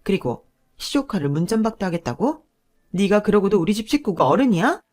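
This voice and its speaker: Brief: greedy, hot-tempered middle-aged woman, played by a female narrator, loud and bossy. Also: mid-range voice, sing-song, fairly quick. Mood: furious. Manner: bossy, scolding, loud in anger.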